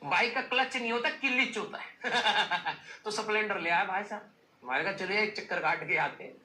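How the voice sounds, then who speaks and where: Bright-voiced teacher telling a story. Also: male voice, sits high, normal speed. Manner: lively, joking, mixes English phrases. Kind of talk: casual storytelling to students. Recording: roomy echo, faint background noise.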